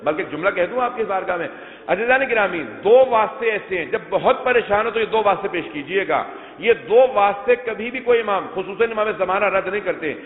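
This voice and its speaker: A man's voice: sits high, animated. A man delivering an emotional mourning sermon, telling narrations and addressing the congregation directly. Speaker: Shia preacher. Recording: echoey hall, tinny phone-like sound.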